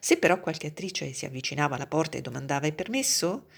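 A woman reads a story aloud at a steady, measured pace. Her voice is low, with a gravelly, husky grain. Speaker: narrator. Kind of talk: scripted story reading.

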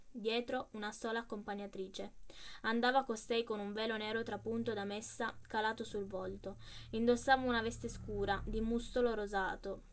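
A woman reading a literary story aloud, expressive and measured. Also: on the high side. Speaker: reader.

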